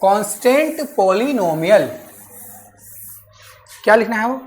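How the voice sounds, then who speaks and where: A woman teaching maths in class. She keeps checking that students understand and repeats phrases slowly while dictating. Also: medium pitch, animated, slight background noise.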